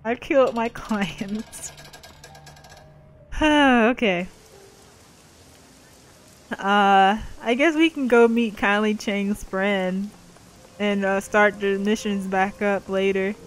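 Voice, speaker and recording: A woman's voice: medium pitch, slow pace, long pauses, rough recording. A woman playing a role-playing game, reading its narration and every character's lines aloud in her own voice and adding playful asides. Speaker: gaming YouTuber reading game dialogue aloud. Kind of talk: let's play commentary and reading.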